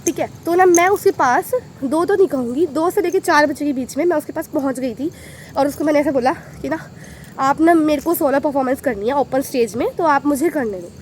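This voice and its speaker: Young woman vlogger from Haryana, high-pitched, lively storyteller, phone-recorded outdoors at night. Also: brisk, a little hiss or hum. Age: young adult. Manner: animated, exclaiming storyteller. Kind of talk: casual storytelling vlog.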